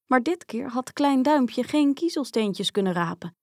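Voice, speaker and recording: A woman narrating a children's fairy tale in a slow, expressive storytelling manner, recorded dry and close. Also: high voice, no room sound.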